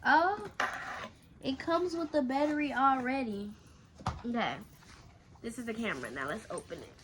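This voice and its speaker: A young woman unboxing gear in a casual vlog, excitable and chatty, talking straight to her viewers. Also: fairly high pitch, moderate pace, a little hiss or hum. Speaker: beginner content creator.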